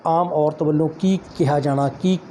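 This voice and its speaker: A man's voice: fairly high pitch, fairly even intonation, normal speed, mellow, a little hiss or hum. A news reporter interviewing a woman and commenting at length, hesitant with many restarts.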